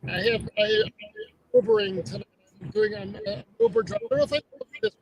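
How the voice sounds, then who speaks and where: A man talking by phone from a moving car, his audio crackling and dropping out, halting and repeating himself. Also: very high-pitched, sing-song, gravelly, dull audio. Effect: breaking-up phone connection with crackly dropouts. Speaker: guest calling in.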